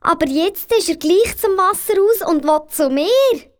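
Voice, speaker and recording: A spoiled young Swiss German princess. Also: female voice, extremely high pitch, lively intonation, unhurried. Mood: pleading.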